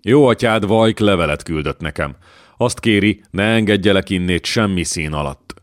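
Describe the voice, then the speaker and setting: A man voicing a brisk, commanding old lord in a storybook reading. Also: low-pitched, no echo, studio quality, pitched above the performer's own voice, natural voice.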